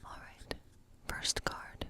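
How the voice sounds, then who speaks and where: An amiable witch of the woodland, voiced by a woman in ASMR role-play, reads tarot in an unhurried, breathy whisper. She sounds reflective and reassuring throughout.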